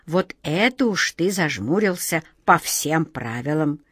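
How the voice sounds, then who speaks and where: A woman reading a storybook and voicing a kindly, sly auntie who talks slowly and coaxingly. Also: low voice, animated, breathy edge, dry recording, clean studio sound, full character voice. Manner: slow, drawn-out, fond coaxing tone.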